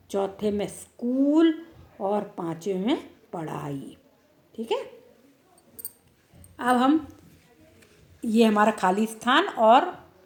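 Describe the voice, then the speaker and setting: A woman teaching a children's grammar lesson online, going slowly and repeating each word for the pupils. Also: mid-range voice.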